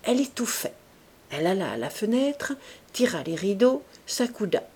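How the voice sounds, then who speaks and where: A woman narrating a classic novel as an audiobook, in a measured, expressive manner. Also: medium pitch, breathy edge. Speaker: audiobook reader.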